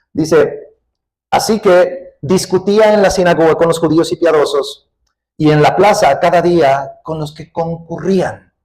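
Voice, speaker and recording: A middle-aged man, preaching a conversational verse-by-verse sermon, animated and full of questions to the listener. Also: a little high, poor audio. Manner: animated, uses questions and acted quotes. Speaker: pastor teaching a Bible study.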